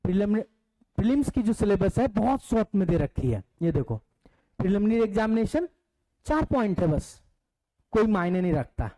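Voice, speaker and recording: Mellow-voiced male teacher, Indian accent. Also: high voice, rough recording. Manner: explains step by step, asks the class questions; reads syllabus points aloud slowly in English. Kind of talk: online demo class.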